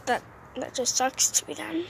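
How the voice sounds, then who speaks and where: A woman's voice: high voice, steady tone, moderate pace, gravelly, slight background noise. A woman giving casual, playful commentary to her viewers while playing a mobile game, sitting outdoors on a roof. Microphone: phone.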